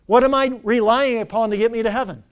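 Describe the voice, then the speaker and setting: A man's voice: very high voice, fairly even intonation, fast, smooth. A middle-aged man preaching a sermon, asking the congregation questions and repeating key phrases.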